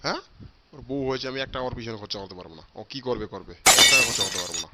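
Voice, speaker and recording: Man doing a stingy old cartoon dad in a rage, rattling off curses at breakneck speed, a steady middle-pitched voice, clear noise hissing under the recording. He hammers the same threats over and over. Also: rapid-fire, natural voice. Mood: angry. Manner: shouting, cursing, repeating threats. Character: foul-mouthed stingy old father, always furious. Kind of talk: comic cartoon voice acting.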